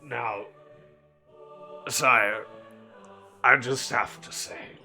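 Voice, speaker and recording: A man's voice: mid-range voice, fairly even intonation, drawn-out words, bright, forceful tone, faint music behind, exaggerated voice. A man voicing a polite, wary adult knight hero who answers a prince in a courteous, hesitant way.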